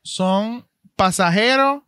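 Puerto Rican woman host, mid pitch, chatty, steers the talk with questions. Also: drawn-out words, fairly bright tone, clean tone, dry recording, studio quality. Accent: Puerto Rican Spanish. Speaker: podcast host. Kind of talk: casual chat.

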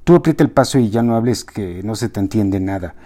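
A man's voice: lowish voice, lively intonation, a little fast, warm tone. A man voicing an impatient grown daughter who scolds her mother curtly. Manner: curt, scolding.

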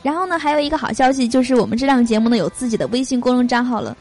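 A young woman hosting a podcast, reading jokes aloud and chatting between them with lots of drawn-out fillers. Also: sits high, a little mellow, faint music behind. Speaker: podcast host.

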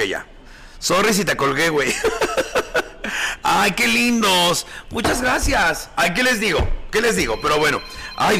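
A man's voice: sits high, creaky, pushed and bright, breathy edge. A man hosting a live call-in show as a drag performer, campy, affectionate and swearing freely.

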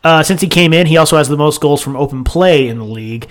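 Male co-host, fairly high voice, animated profane football banter. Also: fast. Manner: animated, teasing, swears freely. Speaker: podcast co-host, football fan.

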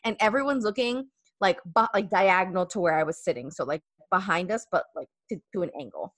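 A woman's voice: fairly low pitch, fairly quick, dry recording, studio quality. A young woman hosting a casual chat, telling a story animatedly with many fillers and acted-out quotes.

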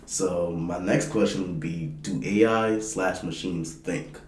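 Brief: male co-host, very low voice, calm questions, roomy echo. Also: slow pace. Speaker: podcast co-host. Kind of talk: casual chat.

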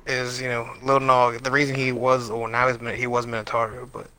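Guy rambling casual, keeps restarting, bright sharp voice. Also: medium pitch, level tone, a little fast. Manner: rambling, restarts often, trails off. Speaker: podcast co-host. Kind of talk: casual sports chat.

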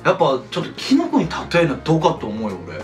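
High, lively man teasing in quick banter. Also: far from the mic, faint music behind. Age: 30s. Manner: rough teasing retorts, lively. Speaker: podcast co-host. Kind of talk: casual comedic chat.

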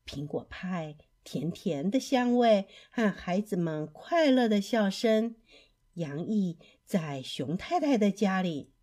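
A woman reading children's picture books aloud in a slow, expressive storybook manner. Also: medium pitch.

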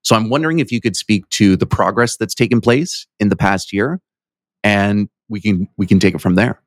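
A man with a lowish voice hosts a casual interview. He asks in an informal, curious and slightly self-deprecating way, recorded dry with little room sound. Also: normal speed, no echo. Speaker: interviewer, podcast host.

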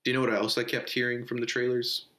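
Male podcast co-host, loose rambling movie chat, frequent laughter, average pitch. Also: monotone, quick pace, pushed and bright. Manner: laughs often, swears casually, rambling. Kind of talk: casual movie review chat.

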